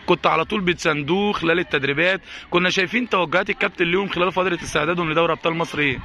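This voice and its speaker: A man's voice: rapid-fire, bright, forceful tone. A man with an Egyptian accent interviewing parents at an outdoor football ground, reeling off formulaic questions. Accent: Egyptian Arabic. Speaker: pitch-side reporter. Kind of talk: sports coverage interview. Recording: noisy outdoor pitch-side recording.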